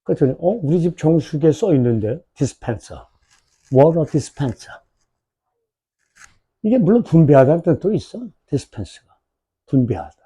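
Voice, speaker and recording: A man with a Korean accent teaching English for an exam prep lecture, asking questions and drawing out English words slowly. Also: on the high side, expressive, dark tone, slightly rough.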